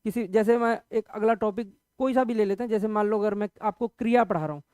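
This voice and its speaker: A man's voice: high voice, a little mellow, clean tone, no room sound, clean studio sound. A man teaching a Hindi grammar lesson for exam preparation, explaining patiently and checking in with his students after nearly every point. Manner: conversational, repeats examples slowly. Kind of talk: exam-prep grammar lecture.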